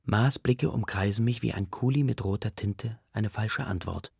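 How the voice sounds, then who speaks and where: Male narrator, gravelly, husky, low voice, dry close mic, quiet audiobook reading. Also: normal speed, no room sound.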